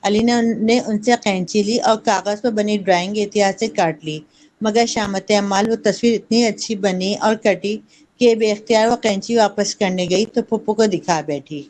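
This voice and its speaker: A woman reading her own children's story aloud to a literary forum in a measured, plain way. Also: mid-range voice, darkish tone. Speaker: story writer, forum participant.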